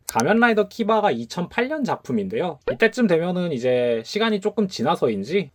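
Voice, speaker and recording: A man with a fairly high, very animated voice talks through a collection as a host. His delivery is polite and explanatory, in a casual monologue style. There is some faint background noise. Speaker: YouTube host.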